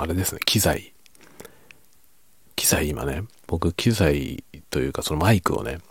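A man chatting casually and quietly, as if late at night, in a soft, low-volume voice that sometimes drops toward a whisper. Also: no room sound. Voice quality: low, gravelly, husky. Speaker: video creator and host.

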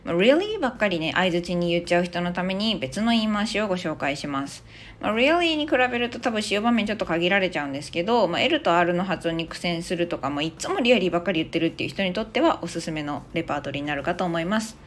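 A Japanese woman in her thirties hosting a casual audio English lesson, chatty and full of fillers, who reads model English phrases slowly. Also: lowish voice, lively intonation, a little hiss or hum. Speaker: English teacher and podcast host. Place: Australia, speaking from abroad.

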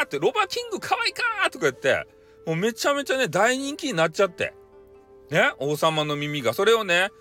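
A man's voice: sits high, bright, forceful tone. A man with a Hakata accent casually retelling a folk tale for bedtime, playful and rambling. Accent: Hakata dialect. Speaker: storyteller.

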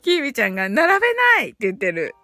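High-voiced woman chatting on a live stream, lots of giggling, dry close mic with faint music behind. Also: huge pitch swings, fast, bright, forceful tone, no room sound. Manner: giggly, reads comments aloud with frequent laughter. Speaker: live stream host reading listener comments. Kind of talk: casual live chat.

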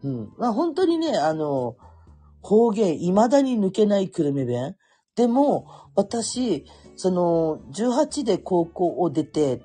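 Woman host, middle-aged, Chikugo accent, animated solo podcast storyteller with swooping pitch and low, mellow tone. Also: slightly rough. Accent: Chikugo dialect of Fukuoka. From Kurume, Fukuoka, Japan. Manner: chatty storyteller, acts out quoted voices, laughs often. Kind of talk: casual solo talk.

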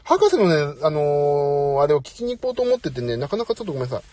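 A man's voice: on the high side, big pitch swings, fast talker, warm tone, no echo. A middle-aged man hosting a casual live audio chat, talkative, apologetic and self-deprecating, speaking into a phone. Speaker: host. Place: parked outside, away from home.

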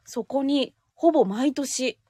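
A woman hosting a radio show in casual chat with a co-host, speaking in a polite, animated way. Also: sits high, slow pace, breathy edge, no echo, studio quality. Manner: animated, polite, often laughing. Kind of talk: casual chat between co-hosts.

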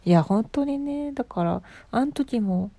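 A woman's voice: a little high, animated, a little slow, gravelly, warm tone, no room sound. A woman in her thirties with an Osaka accent, hosting a casual live stream, chatting about listeners' comments and laughing often. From Osaka, Japan. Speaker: livestream host.

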